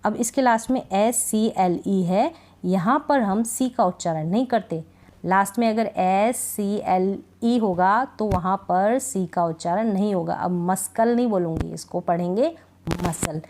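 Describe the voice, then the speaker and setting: A woman teaching English reading in Hindi, drilling word lists slowly and checking in with her students over and over. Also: medium pitch, darkish tone. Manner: slow, repetitive drilling of words, frequent "thik hai" check-ins. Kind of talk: Hindi-language phonics lesson.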